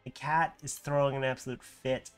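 Excitable streamer swearing at the game. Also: medium pitch, normal speed, soft background music. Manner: excitable, swears often, laughs at own mistakes. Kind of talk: live gameplay commentary. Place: at home with a cat nearby.

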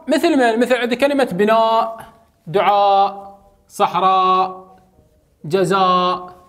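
A young adult male teacher with an Iraqi Arabic accent, giving a chatty lesson and asking his students questions, then answering them himself. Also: high voice. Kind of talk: casual classroom lecture.

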